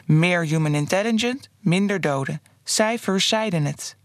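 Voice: medium pitch, measured pace, dry recording, studio quality, natural voice. A narrator reading the quoted lines of an old man in his eighties looking back on a friend, in a plain reflective voice with little acting. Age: 80s.

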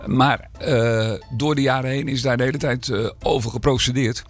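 A man's voice: mid-range voice, fairly even intonation, moderate pace, soft background music. A man serving as mayor, talking in a podcast interview with a slight cold, hesitant and full of fillers and restarts. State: slight cold, rough throat.

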